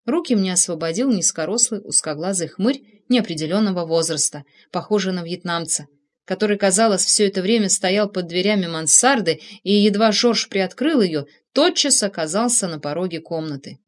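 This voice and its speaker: A woman narrating a first-person thriller audiobook in a tense, measured storytelling manner. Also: mid-range voice.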